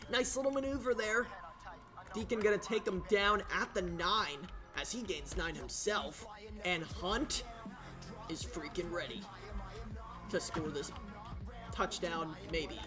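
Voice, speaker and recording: A man calling a video game football match play by play, casual and excitable, his voice jumping up on big plays. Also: high voice. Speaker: play-by-play commentator. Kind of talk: esports football commentary.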